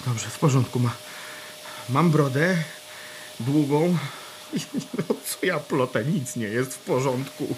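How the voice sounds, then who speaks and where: A man's voice: medium pitch, takes it slowly, long pauses, background noise, lightly acted. A man playing a hapless, stubborn, hungover office drinker in an audio drama, bewildered and stammering. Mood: bewildered, hesitant. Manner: stammering, groggy, slurred exclamations.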